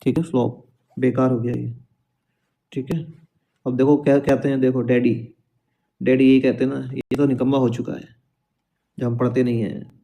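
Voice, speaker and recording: Male teacher, dark monotone, repetitive coaxing delivery. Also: mid-range voice. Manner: repetitive, coaxing, keeps asking "is it?". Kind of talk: vocabulary lesson with memory tricks.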